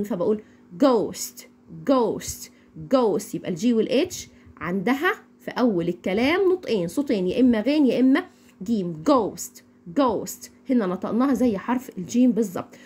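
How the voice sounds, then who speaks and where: A young woman with an Egyptian accent teaching English phonics, repeating each word slowly for learners to echo. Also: a little high, expressive, darkish tone, husky. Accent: Egyptian Arabic. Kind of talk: phonics lesson.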